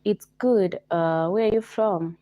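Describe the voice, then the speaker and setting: A woman's voice: medium pitch, slow pace, mellow, no room sound. A woman from Kenya with a Kenyan accent, hosting a live online stream and repeatedly coaxing viewers to like, comment and say where they are watching from.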